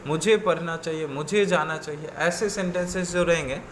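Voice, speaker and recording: A man's voice: on the high side, steady tone, normal speed, a little hiss or hum. A man teaching a coaching class, reciting word forms in patient lists and mixing English words into his explanations.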